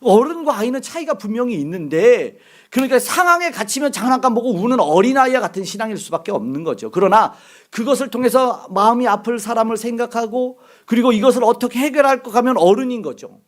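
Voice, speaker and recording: A middle-aged male pastor preaching a sermon, lively and acting out the voices he quotes. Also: very high-pitched, fast talker.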